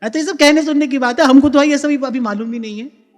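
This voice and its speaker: Casting: high-voiced male preacher, expressive devotional delivery, reverberant hall, faint music behind. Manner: expressive, shifting between explanation and slow recited verse. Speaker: spiritual preacher. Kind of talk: devotional discourse with chanted verses.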